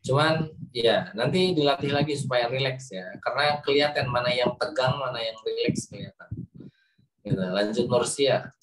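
A man's voice: mid-range voice, fairly bright tone, slight background noise. A man teaching Quran pronunciation in an online class, patiently modeling letter sounds and correcting students. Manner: patient, repeats letter sounds slowly to demonstrate. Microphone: video call. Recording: distant video call audio.

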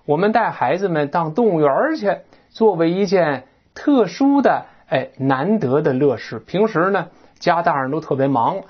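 A man teaching English in a recorded lesson, his husky voice swinging widely up and down in pitch. He explains each word with lively asides and keeps asking his listeners questions. The recording sounds dull and lo-fi. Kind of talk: recorded vocabulary and text lesson.

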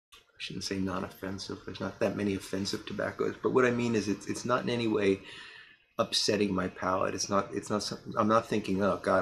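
A man's voice: fairly low pitch, creaky, a bit bright, a little hiss or hum. A man in his fifties chatting casually to camera from his home workshop, rambling and candid, with many restarts and fillers. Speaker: pipe tobacco reviewer. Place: home workshop room, indoors.

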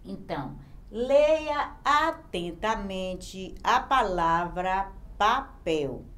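A Brazilian woman teaching young children from home speaks slowly and patiently. She sounds out each word syllable by syllable in a mid-pitched voice. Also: expressive. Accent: Brazilian Portuguese. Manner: slow, patient, syllable-by-syllable explaining. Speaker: primary school teacher. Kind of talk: remote classroom lesson.

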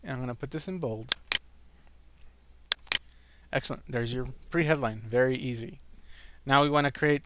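A man with a mid-pitched, slightly wheezy voice presents an online tutorial in a casual way. He breathes a little hard and talks through each click informally as he goes. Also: normal speed, pauses often, fairly bright tone, slight background noise. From California, where he lives. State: breathing a little hard after an asthma attack.

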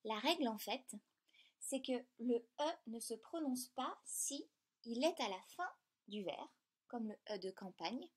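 A woman teaching a lesson in a clear, patient, step-by-step way. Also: on the high side, animated, unhurried. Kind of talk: explanatory lesson.

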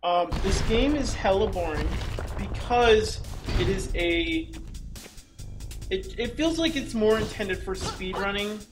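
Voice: mid-range voice, expressive, takes it slowly. A game reviewer talking casually and rambling, with many restarts, recorded in an echoey conference room with game music behind. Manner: rambling, full of restarts and fillers. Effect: echoing room sound.

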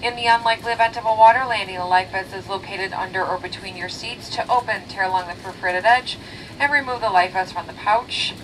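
A woman's voice: medium pitch, a little fast, a bit bright. A woman flight attendant reading a scripted safety briefing over a cabin intercom. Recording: distant cabin PA with aircraft noise.

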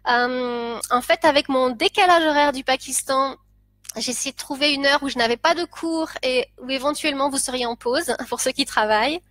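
A high-voiced woman is hosting a live stream from home and greeting viewers one after another. She talks in a chatty, friendly way and laughs often. Her voice is close and dry, with no room sound. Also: a bit bright, no echo. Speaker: French teacher hosting a live Q&A. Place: home, living in Pakistan.

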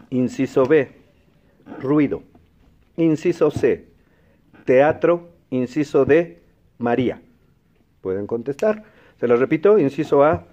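A Mexican man with a Mexican Spanish accent hosts an educational quiz show, speaking clearly and patiently and repeating the answer options slowly. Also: a little high, warm tone. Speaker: quiz host and teacher. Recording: dull lo-fi broadcast sound.

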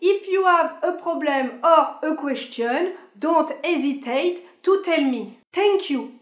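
A woman imitating a male French train conductor making a slow, stiff announcement in English with a heavy French accent. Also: sits high, lively intonation, pitched above the performer's own voice. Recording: echoey room, faint music.

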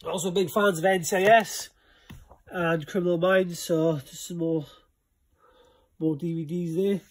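A man's voice: high voice, fairly even intonation, measured pace. Chatty Welsh man on a home tour. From Wales. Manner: chatty, rambling with many fillers. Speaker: vlogger giving a room tour. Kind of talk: casual chat. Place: small indoor games room at home. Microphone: phone camera held in hand.

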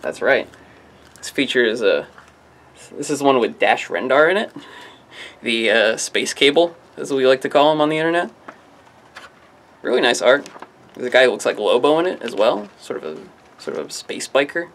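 At normal speed but with long pauses, a man from a comic shop presents new releases to camera in an animated, fairly bright, medium-pitched voice. His rundown is casual and rambling, with jokey self-mockery and trailing "I don't know"s.

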